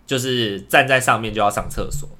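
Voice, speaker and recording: A young man co-hosting a podcast, telling a personal story in a casual, animated way and acting out the quoted lines. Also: medium pitch, fairly quick. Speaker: podcast co-host.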